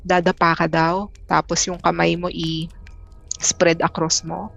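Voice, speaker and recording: A woman from the Philippines, a guest telling a personal story in a casual, halting way, with many restarts and fillers. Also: lowish voice, level tone, gravelly, a bit bright. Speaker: interview guest.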